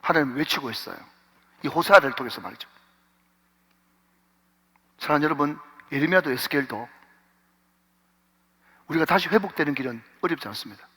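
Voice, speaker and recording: A male pastor preaching a sermon with impassioned delivery, swinging between hushed and loud, exclaiming. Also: a little high, animated, fairly quick, pauses often, slightly rough. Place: church sanctuary. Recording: reverberant church hall.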